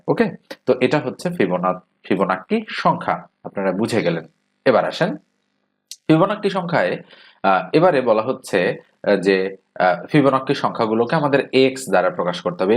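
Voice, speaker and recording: A man with a Bangladeshi Bengali accent teaching an exam-prep math lesson, explaining step by step, asking rhetorical questions and filling pauses with "ah". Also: mid-range voice, sing-song.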